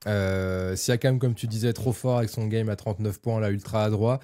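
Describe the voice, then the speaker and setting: A man co-hosting a casual basketball podcast, relaxed and hesitant, with many fillers. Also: on the low side, moderate pace. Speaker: podcast co-host. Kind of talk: casual chat about basketball.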